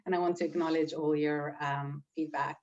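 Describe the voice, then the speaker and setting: A woman hosting an interview, gentle and unhurried with many fillers, reading out audience comments. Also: low voice, flat delivery, highs cut off. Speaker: host and interviewer.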